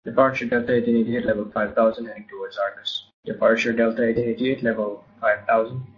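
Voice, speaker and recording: A man's voice: fairly low pitch, fairly even intonation, quick pace. A man making terse airline pilot calls to air traffic control over a distorted radio full of fan-like noise. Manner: terse, clipped readbacks. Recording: muffled lo-fi radio.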